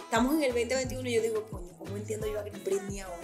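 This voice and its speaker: A woman with a Caribbean Venezuelan Spanish accent and a slightly husky voice, hosting a podcast in a casual, playful, irreverent way. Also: medium pitch, fairly even intonation, rapid-fire, music in the background. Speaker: podcast host.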